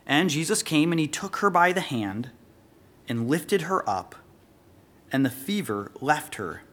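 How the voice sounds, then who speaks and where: A man preaching a sermon, reading scripture aloud and explaining it verse by verse, slowing to stress key words. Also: fairly high pitch, big pitch swings, fairly bright tone. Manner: earnest expository preaching, reads scripture then explains it. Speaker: pastor.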